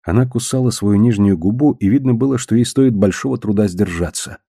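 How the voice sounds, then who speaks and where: A man narrating a literary audiobook in an even, measured reading. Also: lowish voice, creaky, dry recording, clean studio sound.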